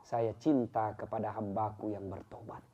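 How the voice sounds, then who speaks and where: A man's voice: normal speed, lo-fi sound, slight background noise. A man from South Sulawesi, delivering a humorous sermon and acting out little dialogues. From South Sulawesi, Indonesia. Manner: animated, shifts between loud exclaiming and low confiding tones, acts out dialogue. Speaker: preacher.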